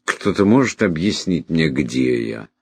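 A man's voice: extremely low pitch, very animated, unhurried, vocal fry, husky, no room sound, exaggerated voice. A man voicing a deranged, dying young man who rambles in a raised, agitated voice. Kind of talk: audiobook character voice.

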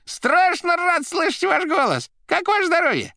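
A man voicing a fawning, shrill male trickster who rattles off his words over the phone. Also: wildly swooping pitch, moderate pace, sharp tone, no room sound, clean studio sound, heavily acted. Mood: gushing. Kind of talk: audiobook character voice.

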